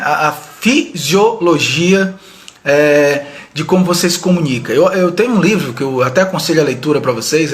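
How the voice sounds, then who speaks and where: A man giving a live online leadership training, talking conversationally and addressing viewers directly with frequent tag questions. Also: on the high side. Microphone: video call style webcam mic.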